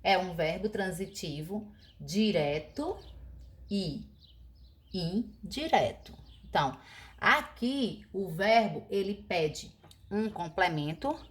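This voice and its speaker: A woman teacher, explaining a grammar lesson slowly and deliberately, asking questions and answering them herself. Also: lowish voice, expressive, husky. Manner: slow, deliberate explaining, stretching key words; asks and answers her own questions.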